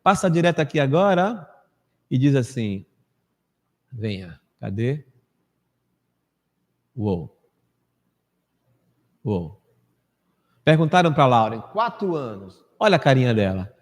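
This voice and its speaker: A Brazilian man in his fifties giving a storytelling lecture to a live audience, acting out quoted people and dropping to a hush at times. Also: big pitch swings, brisk. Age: 50s. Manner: anecdotal, acts out quoted people with big pitch swings, drops to a hush. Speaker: spiritist lecturer. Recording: echoey hall reverb.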